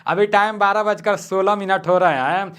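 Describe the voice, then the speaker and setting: A young man teaching exam questions at home at night, talking softly and repeating each question. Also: high voice, moderate pace, clear, resonant tone. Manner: soft-spoken, repeats each question, frequent "theek hai na". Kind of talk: quiz-style exam lesson.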